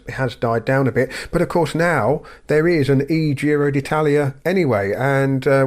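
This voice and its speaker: A man co-hosting a podcast in casual chat, thinking aloud with plenty of ums and rhetorical questions. His voice sits at an ordinary middle pitch. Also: a little mellow. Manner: conversational, musing with fillers. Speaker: podcast co-host.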